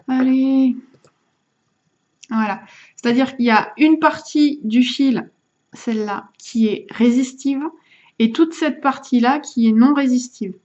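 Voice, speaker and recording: A woman's voice: fairly high pitch, lo-fi sound. A woman casually showing and explaining equipment to her viewers, hesitating often with fillers and restarts. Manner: chatty, talks to the viewers while handling objects. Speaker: vlogger showing vaping gear. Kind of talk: casual how-to demonstration.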